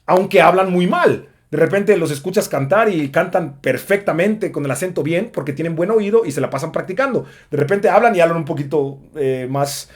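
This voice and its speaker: A man's voice: fairly high pitch, lively intonation, normal speed, hardly any pauses. A man giving a casual spoken English lesson, chatty with lots of fillers. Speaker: English teacher.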